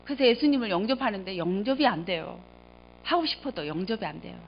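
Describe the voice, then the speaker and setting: A middle-aged woman pastor preaching a sermon, telling stories with strong feeling, rising to loud cries and dropping to quiet low asides. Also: expressive, quick pace, creaky, slight background noise. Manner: emotional storytelling, swings between loud exclamations and quiet low asides. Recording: dull lo-fi sound.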